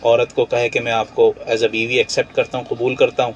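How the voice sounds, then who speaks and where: A man's voice: mid-range voice, monotone, a little hiss or hum. A man, a religious scholar on a radio show, patiently explaining rulings step by step with everyday examples. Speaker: Islamic scholar guest.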